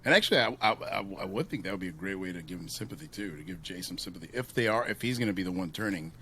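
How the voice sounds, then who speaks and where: A man's voice: low voice, expressive, rapid-fire, bright, forceful tone, a little hiss or hum. A man co-hosting a podcast in casual chat, joking animatedly and slipping into Spanish. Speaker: podcast co-host.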